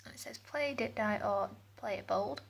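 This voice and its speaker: Speaking at normal speed with a medium pitch, a British woman casually reviews a product as a beauty vlogger. She's recording indoors in an echoey bathroom, so her voice sounds echoey and background noise is clearly audible.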